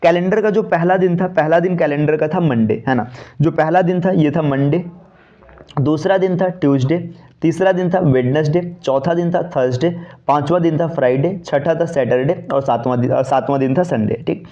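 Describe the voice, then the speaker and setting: A man's voice: on the high side, normal speed, mellow. Dull-sounding man teaching exam reasoning. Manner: explains step by step, keeps asking "है ना?" and "ठीक?". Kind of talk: classroom lecture.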